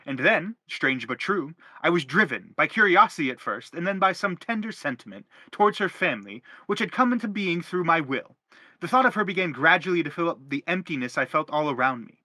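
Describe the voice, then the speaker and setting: An actor voices an anguished middle-aged father in a stage drama, pompous, wordy and insistent as he justifies himself, pleading all the while. His man's voice sits on the high side, animated and fairly quick, with a sharp tone and no echo.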